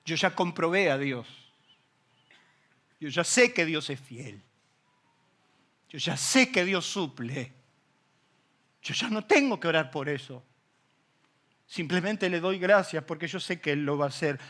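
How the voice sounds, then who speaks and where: A man with a Rioplatense Spanish accent, a pastor preaching a sermon as an animated storyteller. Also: fairly high pitch, a little slow, pauses often.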